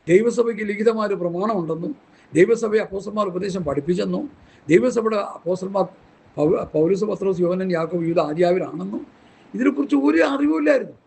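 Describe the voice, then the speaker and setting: A man's voice: high-pitched, fast talker, vocal fry, warm tone, slight background noise. A man preaching a Bible study sermon in an impassioned, scolding way, full of rhetorical questions. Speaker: pastor.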